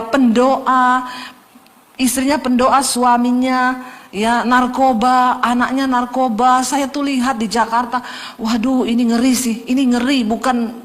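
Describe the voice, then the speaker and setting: A woman's voice: high-pitched, long reverb tail. A woman pastor, preaching a sermon as a humorous story told straight to the congregation.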